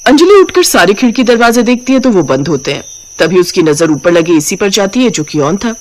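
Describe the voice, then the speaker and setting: A woman narrating a scripted cartoon moral story in an even, storytelling manner. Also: medium pitch, fairly quick, slight background noise.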